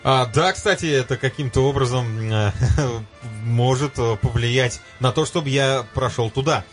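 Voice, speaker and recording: Радиоведущий, мужской голос средней высоты. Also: male voice, mid-range voice, moderate pace. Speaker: radio host. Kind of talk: casual chat on air. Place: radio studio. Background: music.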